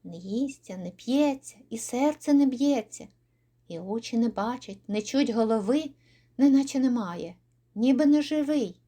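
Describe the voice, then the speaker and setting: A woman narrating a poem for an audiobook in a measured, expressive way. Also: fairly high pitch. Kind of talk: audiobook poetry reading.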